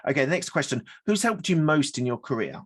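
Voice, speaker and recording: Husky-voiced male podcast host. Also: on the high side, very animated, a little fast. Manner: easygoing, hesitant, fills with "sort of" and "um". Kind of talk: interview host.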